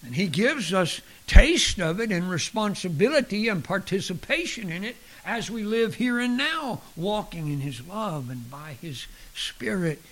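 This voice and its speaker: A man preaching a sermon, expressive, dropping at times to a hushed near-whisper and chuckling at his own jokes. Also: sits high, a little slow, few pauses. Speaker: pastor.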